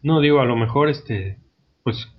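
Man, dry-humored co-host, husky voice, dull call sound. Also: mid-range voice, unhurried. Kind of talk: casual chat.

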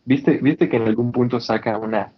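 Husky man, slangy and animated. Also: medium pitch, normal speed, dull audio. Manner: animated, slangy, frequent restarts. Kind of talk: casual chat. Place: indoors in Canada.

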